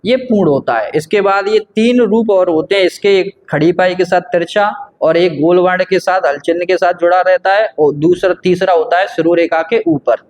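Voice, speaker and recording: Male teacher, high-pitched, patient and repetitive, walking through a grammar lesson. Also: normal speed, darkish tone. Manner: patient, repetitive, asks and answers his own questions. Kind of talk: grammar lesson explaining at a board.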